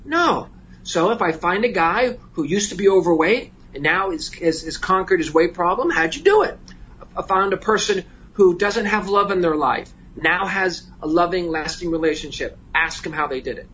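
A man telling an animated anecdote in an interview, with many fillers and restarts. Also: high-pitched, normal speed, hardly any pauses, lo-fi sound, a little hiss or hum. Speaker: guest, diamond business owner. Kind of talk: storytelling in an interview.

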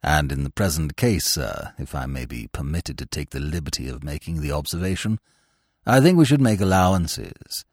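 A man voicing a deferential, unflappable valet who speaks in a formal, measured, low and soft way. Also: lively intonation, no echo, studio quality, heavily acted. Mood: composed, formal. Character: deferential, unflappable male valet, middle-aged.

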